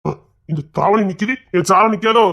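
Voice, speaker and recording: A man's voice: high-pitched, brisk, creaky, bright, forceful tone, full character voice. A man acting a playful, teasing young man in a comic romance drama, stammering and joking in a Tamil accent. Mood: wheedling. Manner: teasing, stammering, mock-crying.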